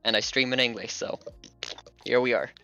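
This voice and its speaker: Working on a livestream, this Hungarian streamer and game developer chats casually in his native-speaker English, musing aloud and laughing frequently. His medium-pitched voice is sharp and smooth with fairly even intonation at a moderate pace, and faint music plays behind him.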